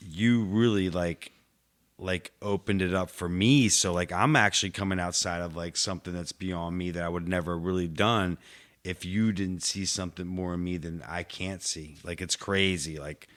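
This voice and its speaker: Man, podcast co-host, low voice, heartfelt casual chat, lots of "like" fillers. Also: fairly even intonation, normal speed, a bit bright. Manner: heartfelt, filler-heavy, says "like" constantly.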